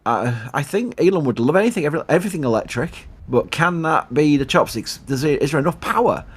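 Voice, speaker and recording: Chatty and quick to laugh, a man with a Yorkshire accent hosts a casual live commentary stream, reading viewer questions, thanking supporters and often restarting. His voice is slightly high, husky and expressive, moving a little fast.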